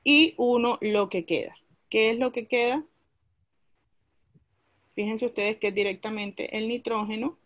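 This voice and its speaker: A woman's voice: on the high side, a little slow, long pauses, fairly bright tone, dry recording, lo-fi sound. Woman teacher explaining chemistry step by step. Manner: explains step by step, asks students questions. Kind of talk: classroom chemistry lesson.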